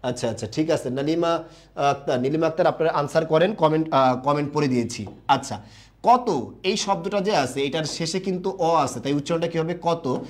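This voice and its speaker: A man's voice: a little high, fairly quick. Man teaching a live online class. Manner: asks questions and answers them himself, reads viewer comments.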